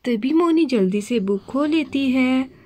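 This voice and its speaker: High-voiced woman narrating a doll story. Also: expressive, a little slow, darkish tone. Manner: plain explaining narration.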